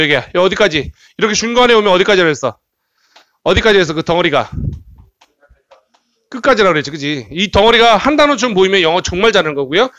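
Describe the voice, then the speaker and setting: Sharp-toned and high-pitched, a man delivers an exam-prep grammar lecture at a cram school, reading English sentences aloud, translating them, and using tag questions to check students. There is no room sound.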